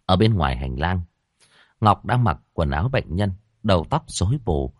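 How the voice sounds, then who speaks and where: A man narrating a horror story in an expressive, dramatic way, voicing the characters. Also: deep voice, normal speed, dry recording, clean studio sound.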